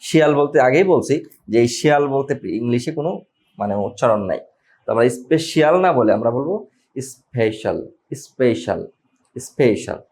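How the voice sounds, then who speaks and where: Male teacher, casual video lesson, drills each word slowly, chatty and familiar with viewers. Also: mid-range voice, darkish tone. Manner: slow, repeats each word several times; addresses viewers as brother. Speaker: English pronunciation teacher. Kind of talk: informal pronunciation lesson.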